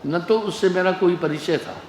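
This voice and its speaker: A man's voice: high voice, normal speed, a little hiss or hum. A man giving a sermon as a spiritual teacher, telling stories with humor. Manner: relaxed storytelling with humor. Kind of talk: sermon with anecdotes. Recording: echoey hall with long reverb.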